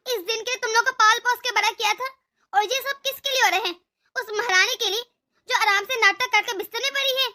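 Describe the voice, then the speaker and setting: A woman's voice: extremely high pitch, pushed and bright. A woman voicing a bossy scolding mother-in-law. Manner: scolding, taunting. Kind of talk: cartoon story voice acting.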